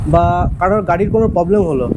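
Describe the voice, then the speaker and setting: A fast-talking man with a high voice and a West Bengal Bengali accent does a casual unboxing review, addressing viewers directly as a vlogger and product reviewer. There is noise in the background.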